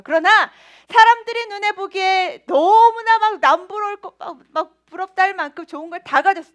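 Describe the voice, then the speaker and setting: A woman, talking in a lively, playful way and laughing often. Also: very high-pitched. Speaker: children's ministry preacher. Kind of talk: children's sermon.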